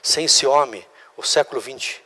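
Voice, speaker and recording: A man's voice: mid-range voice, moderate pace, pushed and bright, slightly rough. A man with a Brazilian Portuguese accent teaching a class on legal public speaking, emphatic, restarting words and asking the class questions. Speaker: law school oratory instructor. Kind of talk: classroom lecture. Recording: long reverb of a hall.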